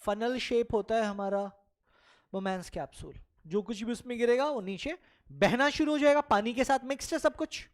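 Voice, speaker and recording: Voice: medium pitch, normal speed. A biology teacher giving a classroom lecture who keeps asking the class questions and answering them, repeats words for emphasis, and calls the students children. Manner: mixes Hindi and English freely.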